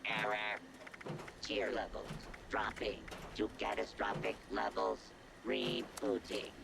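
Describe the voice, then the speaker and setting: Game robot, holiday greeter, rebooting after an error, rough gravelly voice, flat mechanical delivery, loud background noise. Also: male voice, on the low side, slow pace, exaggerated voice. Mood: malfunctioning. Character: festive holiday greeter robot, male, cheerfully programmed. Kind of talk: video game character dialogue. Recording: loud game ambience behind the voice.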